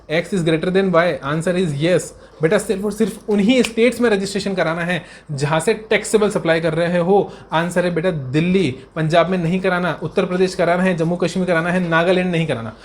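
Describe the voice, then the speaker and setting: A man tutoring accountancy students in a brisk revision lecture. He repeats key points and answers his own questions in a student's voice. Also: sits high, a little hiss or hum. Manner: fond, coaxing tone toward students.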